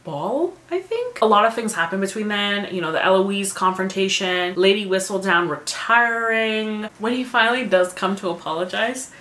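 A woman's voice: mid-range voice, moderate pace, few pauses. Gushing, enthusiastic woman vlogger. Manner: enthusiastic, gushing, lively storytelling. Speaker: book and TV vlogger. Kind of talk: casual rambling chat. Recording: roomy echo.

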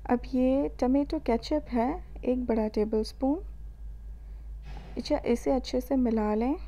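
A high-pitched woman with an Indian accent gives a voice-over for a home cooking tutorial. Her tone is soft and mellow. She calmly walks through each step and pauses now and then to think. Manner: calm step-by-step instructions with filler pauses. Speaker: cooking channel host.

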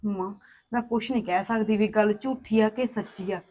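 A woman's voice: mid-range voice, steady tone, darkish tone, lightly acted. An actress playing a worried adult daughter who scolds her brother in a family drama. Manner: argumentative, quick to scold. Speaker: daughter and sister. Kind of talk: scripted family drama acting.

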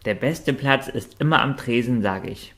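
A man's voice: medium pitch, normal speed, gravelly, a bit bright. A man reading aloud, voicing a big, cheerful female dragon who chats in easy colloquial speech. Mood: easygoing. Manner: easygoing colloquial chatter.

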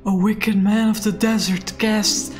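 A woman voicing an ancient, dying male tree spirit, reading game dialogue aloud in a slow, solemn, archaic way. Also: mid-range voice, steady tone, soft background music, close to an everyday voice.

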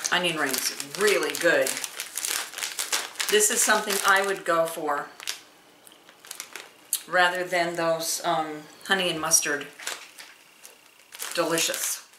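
A middle-aged woman vlogging a casual snack taste test, chatty and homey, thinking aloud as she goes. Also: fairly low pitch. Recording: echoey room with clear noise.

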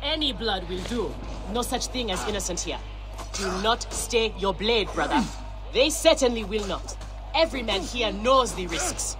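A woman voices a proud, fierce gladiator in a video game. She swaggers and boasts with a lively, wide-swinging voice, under clear background music. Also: medium pitch, moderate pace, close to an everyday voice, low-quality recording. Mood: grim, fierce.

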